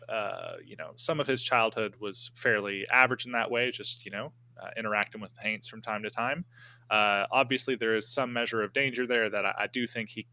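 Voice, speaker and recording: During a tabletop game, a man casually improvises his character's story, halting and thinking aloud as he goes. His voice is lowish, pushed, and bright.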